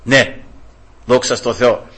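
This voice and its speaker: A middle-aged man preaching a sermon with personal testimony, fervently swinging between hushed tones and exclamations. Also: medium pitch, fairly even intonation, husky.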